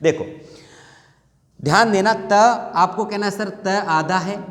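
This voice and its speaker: A man's voice: sits high, slow pace, a bit bright. A male Hindi teacher giving an exam-prep grammar lesson. He asks the students questions, answers them himself, and repeats the key points. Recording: echoey room with long reverb.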